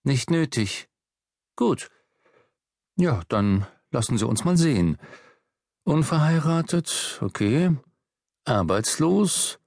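A man's voice: medium pitch, big pitch swings, slow, gravelly, long pauses, a little mellow, no echo, studio quality, exaggerated voice. A man reading an audiobook, voicing a condescending male job interviewer who asks probing questions. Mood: patronizing.

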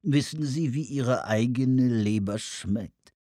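A man voicing an oily, menacing male villain who speaks slowly and smoothly. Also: mid-range voice, mellow, dry recording, clean studio sound, close to an everyday voice. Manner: slow, smooth and sinister.

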